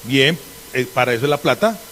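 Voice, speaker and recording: A middle-aged pastor, a man from Colombia with an Antioquian accent, preaching a lively sermon and acting out conversations in different voices. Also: medium pitch, fairly quick, a little hiss or hum. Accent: Antioquian Colombian Spanish.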